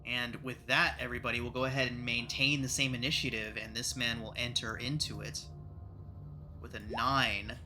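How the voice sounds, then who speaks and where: A man's voice: mid-range voice, level tone, moderate pace, music in the background. A man narrating a tabletop game as the game master.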